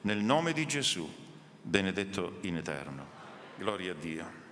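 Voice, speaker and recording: Slow-speaking preacher man in a reverberant church. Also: deep voice, very animated, fairly bright tone, a little hiss or hum. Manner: slow, measured reading and prayer. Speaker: pastor. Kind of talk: sermon with scripture reading and prayer. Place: church hall during a worship service.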